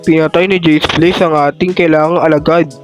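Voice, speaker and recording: A man's voice: on the high side, level tone, normal speed. A young man with a stuffy nose and sore throat from a cold, giving chatty, casual gameplay commentary and calling out to his viewers. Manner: chatty, keeps addressing viewers as "men" and "guys". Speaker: gaming YouTuber. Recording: background music under the voice.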